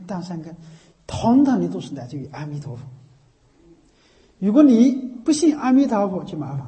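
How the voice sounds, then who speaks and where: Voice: medium pitch, dark tone. A Buddhist teacher giving a Pure Land sermon to a gathering, talking conversationally and often asking the listeners rhetorical questions. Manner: conversational preaching, keeps asking rhetorical "isn't it?". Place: meeting hall with an assembled audience. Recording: long hall reverb.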